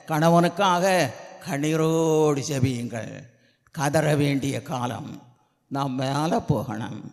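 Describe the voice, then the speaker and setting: In a church prayer hall with a long reverberant tail and a faint ambient hum, a high-voiced pastor with a Tamil accent preaches without hurry. His sermon repeats its pleas over and over until it swells into loud, shouted congregational prayer.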